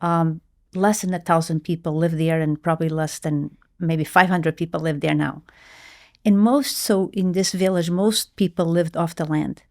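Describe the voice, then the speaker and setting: A middle-aged woman from Portugal speaks in a lowish voice. She tells her story earnestly as an interview guest, pausing and restarting her sentences now and then. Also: steady tone, darkish tone. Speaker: guest, marketing executive.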